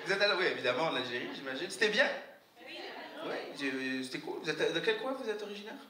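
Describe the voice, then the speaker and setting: A man from Algeria performing a stand-up comedy set at a live gala, playful and slipping into quick parody voices. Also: a little high, lively intonation, a crowd in the background. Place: live gala hall with audience. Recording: roomy hall, distant mic, loud noise. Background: audience laughter and ambience.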